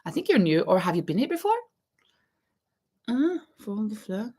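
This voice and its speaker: Here a woman with a medium-pitched, darkish, breathy-edged voice talks at a normal speed, her pitch swinging widely. Originally from Norway with Norwegian as her first language, she's livestreaming from her craft room at home, crocheting while she chats casually, reads viewer comments, counts stitches out loud and laughs easily.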